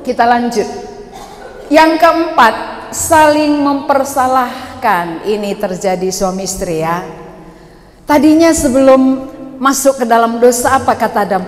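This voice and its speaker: A woman pastor giving a joking, lively sermon at a youth camp. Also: a little high, unhurried. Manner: joking and lively, with laughing asides. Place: church hall. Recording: echoey hall with faint ambience.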